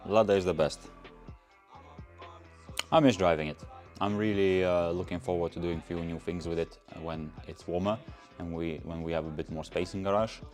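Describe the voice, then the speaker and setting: A young Latvian man who isn't a native English speaker hosts a car channel, casually answering livestream chat questions. His voice is low, steady and a little mellow at a moderate pace, with soft music behind him. He rambles loosely, full of fillers and restarts.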